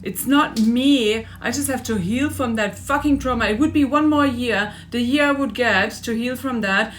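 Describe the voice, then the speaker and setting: A woman's voice: a little high, moderate pace, a little hiss or hum. A woman in her forties ranting in a personal vlog, agitated and repeating herself for emphasis. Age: 40s. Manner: agitated, venting, repetitive emphasis. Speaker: vlogger. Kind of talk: emotional personal vlog rant.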